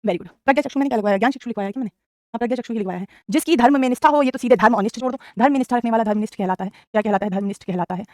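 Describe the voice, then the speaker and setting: A woman's voice: on the high side, very fast, darkish tone, no room sound, clean studio sound. A woman teaching Hindi grammar in a live online class, asking questions and repeating each answer, calling her students "beta".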